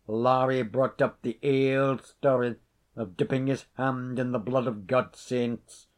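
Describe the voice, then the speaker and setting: A man reading an old story aloud at a middle pitch. He lets the sentences unroll slowly and deliberately, stretching the phrases for effect. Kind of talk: dramatic reading of a classic tale.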